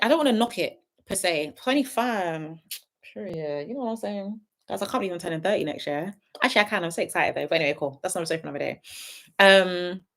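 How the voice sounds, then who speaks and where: A woman in her late twenties with a lowish, slightly bright voice chats casually during a YouTube livestream. She reads out viewer comments and offers frank advice the way a big sister would.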